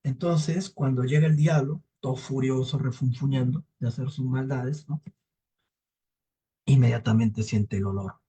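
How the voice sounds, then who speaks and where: A man teaching psychology, telling a folktale in a lively storytelling manner, often checking in with tag questions. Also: mid-range voice, a little slow, slightly rough, rough recording. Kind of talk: storytelling lecture.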